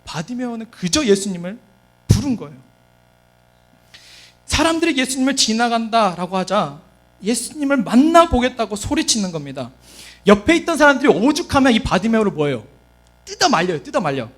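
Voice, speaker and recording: Animated high-voiced man preaching. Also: a little fast, soft background music. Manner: animated, asks questions and answers them himself. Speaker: junior pastor of a children's department. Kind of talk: sermon.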